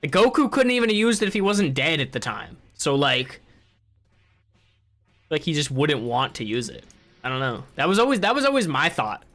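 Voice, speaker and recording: A man's voice: on the high side, big pitch swings, normal speed, a bit bright. A young man hosting a gaming podcast, ranting in casual chat and swearing freely. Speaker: podcast host.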